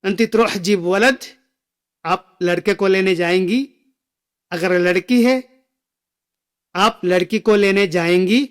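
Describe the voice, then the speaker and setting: Slow, high-voiced man teaching a lesson. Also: clear, resonant tone. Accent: Gulf Arabic phrases within Hindi speech. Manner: repeats each phrase slowly for learners. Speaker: Arabic teacher. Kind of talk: slow spoken language lesson.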